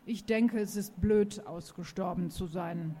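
A woman voicing a kind female bear in a children's storybook reading, calm and matter-of-fact. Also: lowish voice, unhurried, a little hiss or hum, close to an everyday voice. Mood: plain.

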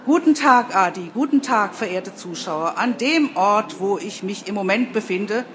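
A woman's voice: medium pitch, animated, slight background noise, natural voice. A woman voicing a bossy, self-important young female TV reporter who orders everyone around. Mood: on-air. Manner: commanding, brisk, self-important.

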